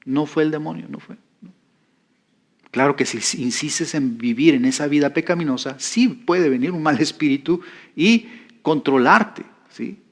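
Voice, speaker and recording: With a slightly high voice and a measured pace, this pastor leads a class through a sermon teaching. He keeps it conversational, repeating key phrases to drive them home.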